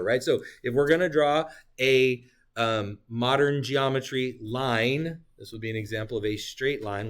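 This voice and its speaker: Male teacher, mid-range voice, animated lecture delivery with playful asides to the class. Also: mid-range voice. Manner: animated, joking asides, talks to students. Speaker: geometry teacher.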